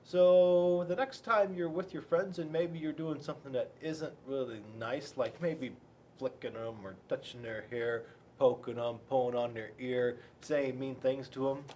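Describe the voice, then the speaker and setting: Here a male school resource officer shares a picture book with children, chatting playfully and asking lots of rhetorical questions. He speaks at medium pitch and a normal pace, with a bit of hiss or hum in the background.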